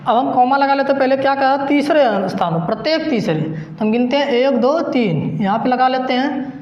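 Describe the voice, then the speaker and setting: A man giving an online math lesson, explaining slowly and step by step, repeating each digit. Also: extremely high pitch, expressive. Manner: slow, repetitive, step-by-step explaining. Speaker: math teacher. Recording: roomy, dull lo-fi recording.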